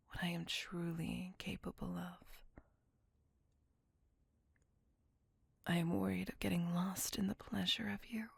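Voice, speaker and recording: In an intimate ASMR roleplay, a woman plays a possessive, tormented vampire centuries old, whispering breathily in a lowish voice. Her delivery is formal and archaic, tender yet menacing, heavily acted and full of torment and longing, with no room sound at all.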